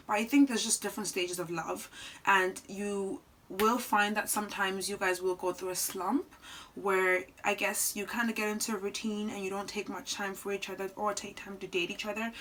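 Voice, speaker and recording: A woman's voice: medium pitch, low-quality recording. Earnest young woman giving vlog advice. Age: 20s. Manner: earnest, animated, swings between soft asides and loud outbursts. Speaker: vlogger. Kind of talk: casual advice vlog talking to camera.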